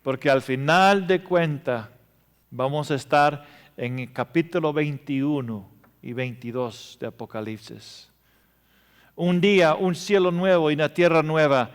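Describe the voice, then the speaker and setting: A man preaching a sermon, telling emotional stories and swinging between loud passages and hushed ones. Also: fairly high pitch, unhurried, clear, resonant tone. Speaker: pastor. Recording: reverberant hall.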